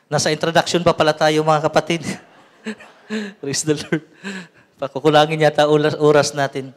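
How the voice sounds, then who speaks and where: A man in his forties from the Philippines preaches in an easy, conversational way. He often tags his sentences with a questioning "no?" and slips into English. His voice sits on the higher side for a man, and a long hall reverb trails each phrase. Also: level tone, moderate pace. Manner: mixes English into talk, frequent "no?" tag questions. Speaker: lay preacher. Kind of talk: conversational healing sermon.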